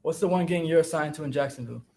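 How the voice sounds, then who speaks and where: A man, a defense attorney, quickly questioning a witness from a courtroom podium with halting restarts, heard in a courtroom recording. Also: vocal fry, darkish tone. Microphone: courtroom podium microphone. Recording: echoey courtroom, faint rumble.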